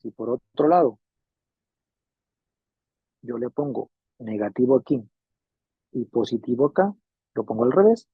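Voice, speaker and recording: Heard through tinny, phone-like dry audio with no echo, a husky male instructor teaches refrigeration electronics in a mid-range voice with lively intonation. He speaks a little slowly with long pauses, patiently repeating points and checking understanding.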